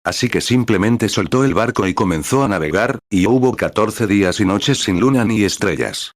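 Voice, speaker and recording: Male sermon reader, very low voice, dry close sound, steady measured read with dramatic retellings. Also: no room sound. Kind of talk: read sermon translation with verse numbers.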